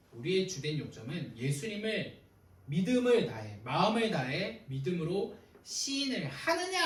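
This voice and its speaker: A young man preaching a sermon to teenagers in a relaxed, conversational way, retelling his own arguments with quoted dialogue. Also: on the high side, reverberant, distant mic, low-quality recording. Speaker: youth ministry pastor. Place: church sanctuary.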